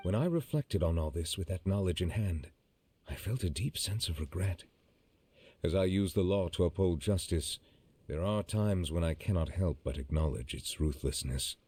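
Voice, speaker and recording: A man voicing a solemn, formal judge in a video game, speaking in a measured, restrained, regretful manner. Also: deep voice, lively intonation, dark tone, husky. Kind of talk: video game story narration.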